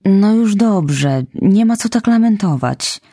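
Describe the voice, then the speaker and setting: A woman voicing a stern, practical middle-aged woman who speaks briskly and firmly. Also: on the low side, lively intonation, a little mellow, no echo, studio quality. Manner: brisk, firm.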